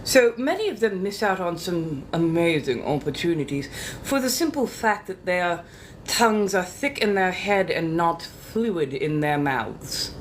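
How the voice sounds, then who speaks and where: Theatrical, playful woman with lively, swooping intonation. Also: fairly low pitch, a little slow, slight background noise. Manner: theatrical, arch old-fashioned ladylike diction, coy and playful, repeating phrases. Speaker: livestream host. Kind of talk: casual livestream chat to followers.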